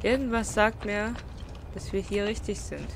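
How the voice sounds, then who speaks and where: A woman's voice: medium pitch, steady tone, normal speed. A young woman giving casual gameplay commentary, blunt and grumbling to herself. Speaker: let's player. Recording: clear background game noise. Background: game street ambience.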